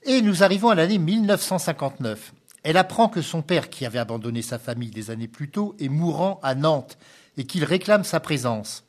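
A man hosting a radio music show, reading a singer's life story in a steady, read-aloud presenter manner. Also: a little high, a little fast. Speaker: radio host. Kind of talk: scripted biographical narration on radio.

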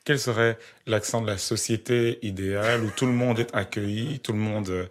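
Low-voiced man retelling a story. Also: fairly even intonation, a little hiss or hum. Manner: measured, hesitant with fillers. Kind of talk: conversational storytelling.

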